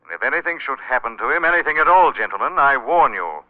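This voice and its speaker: A man's voice: mid-range voice, sing-song, fast, natural voice. An actor playing a menacing, invisible male avenger with theatrical, mock-courteous threats in 1940s radio style. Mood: stern warning. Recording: muffled narrow-band old radio recording.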